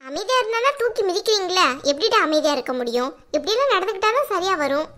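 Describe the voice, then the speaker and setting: A fierce, fed-up young wife in a cartoon, voiced by a woman. She talks back sharply with a sarcastic edge, in a very high, bright voice. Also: sing-song, fast, heavily acted. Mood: defiant. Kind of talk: cartoon voice acting.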